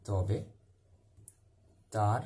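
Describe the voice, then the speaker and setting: A man's voice: fairly low pitch, very slow, dark tone. A man teaching a grammar lesson, who keeps repeating key words and answers his own questions. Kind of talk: classroom-style grammar lesson.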